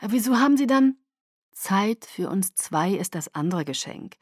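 A woman voicing a calm, gently teasing young man in a storybook reading. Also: medium pitch, unhurried, no room sound, studio quality.

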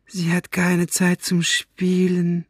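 A man voicing a menacing male thug who drawls his words slowly and threateningly quietly. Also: high-pitched, completely flat delivery, dry recording, clean studio sound, voice pushed up. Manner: slow, drawn-out, threateningly quiet. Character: sneering menacing male thug, fox-faced.

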